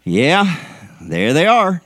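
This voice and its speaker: A man's voice: a little high, wildly swooping pitch, slow pace, fairly bright tone, no echo. Folksy preacher man, dry sound. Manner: folksy, joking with the congregation, rising to emphatic peaks. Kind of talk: sermon. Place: church sanctuary.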